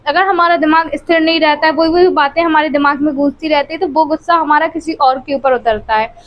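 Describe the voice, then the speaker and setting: A woman family vlogger at home, speaking emotionally and directly to her viewers about her troubles, recorded on a phone camera. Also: high voice. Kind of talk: tearful personal confiding to viewers. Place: at home, by the bed. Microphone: phone camera held close. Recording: dull, lo-fi phone audio.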